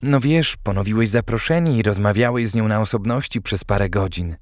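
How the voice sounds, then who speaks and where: A man voicing a gentle, teasing young woman in an audiobook, in a soft, coaxing way. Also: lowish voice, brisk, dry recording, studio quality, lightly acted.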